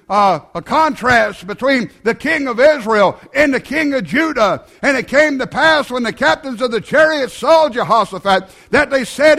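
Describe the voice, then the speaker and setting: Preacher, male, high voice, fervent and halting, breaks into shouts. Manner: preaching with frequent "uh" and "amen", rising to shouts. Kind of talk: fiery sermon.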